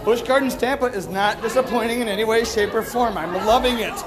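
Recording a podcast on a handheld phone at an outdoor theme park, a host chats about the rides with enthusiasm, strong opinions and plenty of swearing. His voice is squeaky, strained and giving out from yelling, his pace brisk, and he talks on exit stairs and in queues amid busy crowd and ride noise.

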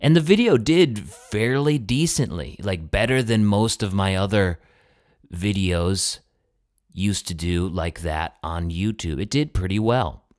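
A man's voice: low-pitched, animated, a little slow, a little mellow, dry recording, clean studio sound. A male singer-songwriter talking in a casual solo monologue, easygoing and chatty. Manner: easygoing, chatty self-promotion.

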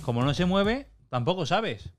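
A man from co-hosting a casual, comedic chat, animated and swearing as he acts out scenes. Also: high-pitched, normal speed, faint music behind. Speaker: podcast co-host.

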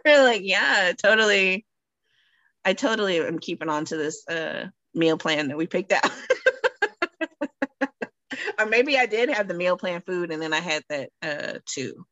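A woman chatting casually on a podcast, telling stories in an animated way and laughing often. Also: lowish voice, moderate pace, hardly any pauses, dry recording, dull audio.

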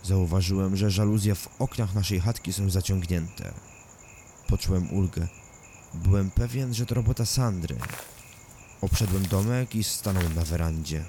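A man narrating a first-person thriller audiobook in a calm, measured storytelling manner. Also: deep voice, slight background noise.

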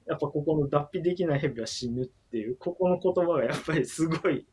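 A man's voice: on the high side, quick pace, a little mellow, a little hiss or hum. A man who is a book author guest, speaking politely and hesitantly on a livestream with many fillers. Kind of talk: casual livestream chat.

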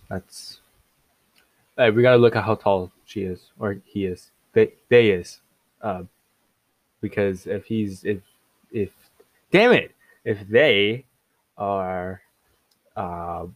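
Excitable young man mocking in disbelief. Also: on the low side, dry recording. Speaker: online commentator. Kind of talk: casual reaction commentary.

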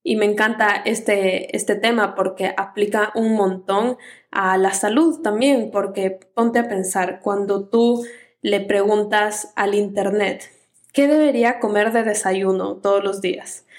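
A woman talking through casual advice, calm and unhurried, her voice sometimes going soft. She speaks at a middling pitch and slips in the odd English word as she shares what she has learned as a content creator. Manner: mixes in English words.

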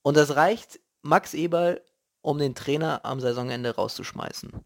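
Indignant man ranting, slightly high voice. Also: unhurried, vocal fry. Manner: indignant, emphatic, colloquial, punchy repeated phrases. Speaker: host of a football commentary show. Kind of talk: opinionated football rant.

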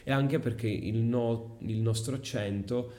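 A man's voice: medium pitch, fairly even intonation, a little slow, mellow, echoey room. A man talking casually as a guest on a podcast, explaining his points at length. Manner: explanatory, switches into English for examples.

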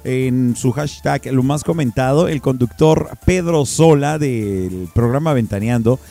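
A man's voice: mid-range voice, unhurried, creaky, warm tone, soft background music. A man with a Mexican accent hosting a radio show in a casual, slangy, jokey way. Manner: slangy, jokey, often laughing. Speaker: radio host.

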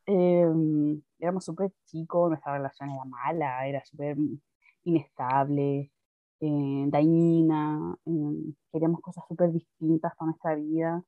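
A woman's voice: low voice, steady tone, a little slow, no room sound, phone-quality sound. A young woman in her twenties with a Chilean accent, telling her story in casual chat and laughing often. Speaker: guest.

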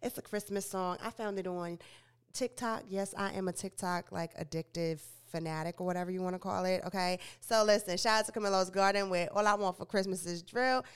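A young woman talks through celebrity news in a relaxed, opinionated way, as a podcast and radio host would. Her voice is smooth and clear, sitting at a middle pitch. She trips over words and fixes them as she goes. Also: fairly quick. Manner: chatty, opinionated, frequent self-corrections and stumbles. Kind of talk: casual entertainment news commentary.

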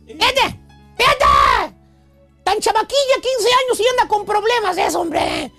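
Comedy radio: a man voicing a preachy old love professor, very high and gravelly. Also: huge pitch swings, measured pace, pushed and bright, soft background music, exaggerated voice. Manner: preachy, lecturing, theatrical. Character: pompous squeaky old male love professor. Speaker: comic radio host.

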